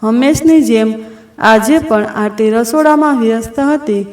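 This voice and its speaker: A woman narrating a family story in a steady, expressive scripted style. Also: fairly high pitch, measured pace. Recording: roomy echo.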